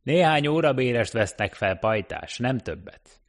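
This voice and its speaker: A man voicing a gruff, talkative middle-aged male cab driver in an audiobook reading, folksy and loud. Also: medium pitch, expressive, voice pushed up, natural voice. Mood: gossipy.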